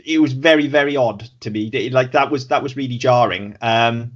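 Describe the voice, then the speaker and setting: A man's voice: mid-range voice, normal speed, slight background noise. A man in his thirties co-hosting a podcast in casual chat, blunt and sweary, rambling with frequent restarts. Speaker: podcast co-host. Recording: dull lo-fi audio.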